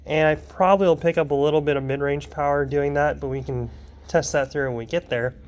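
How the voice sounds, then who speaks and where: This young man talks casually about working on his car in his home garage, tossing in asides and plenty of ums while sounding slightly ill and wheezy. He speaks a bit quickly in a higher voice with fairly even intonation.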